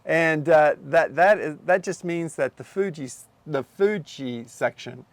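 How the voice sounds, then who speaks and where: A man's voice: on the high side, unhurried, dry recording. A man running a camera shop, chatting casually in a rambling way, repeating himself and restarting.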